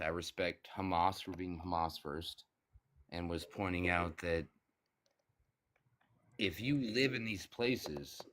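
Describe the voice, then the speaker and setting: A man with a very low voice talks as a guest on a live stream. He is hesitant, stumbling over and repeating his words as he makes his case. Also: fairly bright tone. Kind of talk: casual live stream debate.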